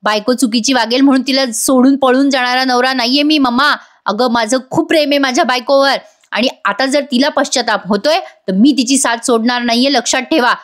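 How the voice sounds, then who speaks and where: A woman's voice: high-pitched, a little fast, fairly bright tone. A woman voicing an angry, defiant young husband who lashes out at his family in rude, bitter outbursts. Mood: pleading, firm.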